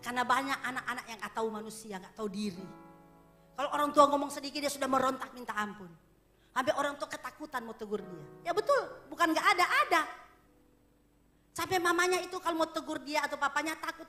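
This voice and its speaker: A woman pastor giving a sermon in church, chatty and joking at first, then growing loud and emphatic as she exhorts the congregation. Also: sits high, fast talker, faint music behind. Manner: conversational preaching, rising to emphatic exhortation, laughs with congregation.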